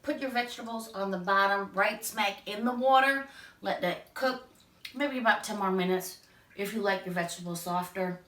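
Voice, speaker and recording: A woman's voice: mid-range voice, pushed and bright. A woman hosting a home cooking tutorial, chatty and enthusiastic as she talks straight to her viewers. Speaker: cooking show host. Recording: echoey room, voice from a distance.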